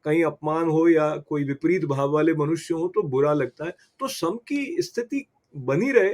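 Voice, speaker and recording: Man, indian accent, tv host, slightly high voice, respectful, formal, hesitant fillers. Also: a little slow, a little mellow. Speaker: TV interview host. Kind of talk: interview questions.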